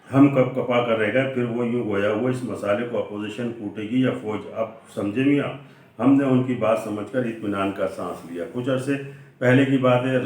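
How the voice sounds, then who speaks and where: Low-voiced man reading a comic sketch. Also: darkish tone. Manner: measured storytelling delivery, voicing quoted dialogue within the narration. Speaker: reader of a humorous essay. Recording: very echoey room, voice from far off the mic.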